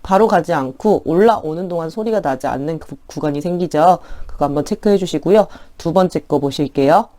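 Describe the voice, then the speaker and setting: A woman teaching an online language lesson in a friendly, polite explaining tone, slowly drawing out words as pronunciation models. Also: sits low, dark tone.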